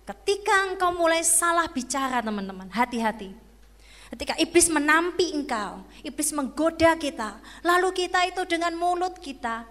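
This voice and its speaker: Bright-voiced woman evangelist preaching. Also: sits high, in a large hall. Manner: emphatic, conversational, asks the audience questions. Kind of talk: sermon.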